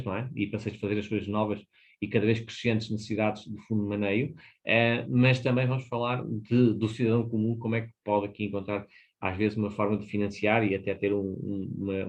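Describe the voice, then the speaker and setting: A man in his fifties with a European Portuguese accent, giving a hesitant, explanatory webinar presentation over a video call. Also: fairly low pitch. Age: 50s. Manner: explanatory, hesitant, often adds tag questions. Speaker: webinar presenter on business financing. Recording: dull lo-fi webinar audio.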